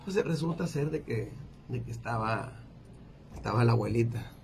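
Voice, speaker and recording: A man's voice: mid-range voice, animated, moderate pace, vocal fry, noisy background. A man telling jokes on a casual show, slangy and laughing at his own punchlines.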